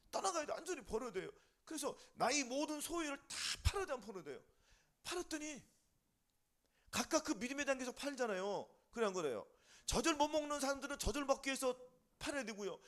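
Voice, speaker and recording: A man with a high voice preaches in a fast, lively way that swings widely in pitch. He keeps firing questions at the congregation and answering them himself, in the rhythm of a fervent sermon. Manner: call-and-response questions to congregation, rising and falling emphatically. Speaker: pastor.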